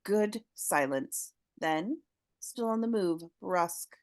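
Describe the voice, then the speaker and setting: A woman narrating the action descriptions of a fan audio drama script, reading at a paced rhythm with pauses. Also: mid-range voice, lively intonation. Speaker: narrator of stage directions.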